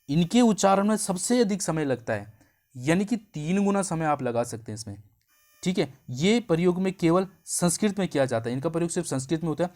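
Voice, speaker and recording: A man teaching an exam-prep grammar lesson, explaining step by step, drawing out sounds to show them and checking in with quick questions. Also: fairly high pitch, darkish tone. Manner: draws out vowel sounds to show their length.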